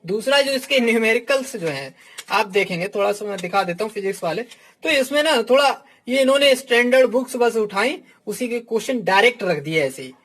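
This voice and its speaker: This frank male coach has a high, fairly bright voice with lively intonation and a slightly quick pace. Reviewing books for exam students in a relaxed lesson, he keeps saying "ठीक" (theek) and speaks directly to them as "my dear."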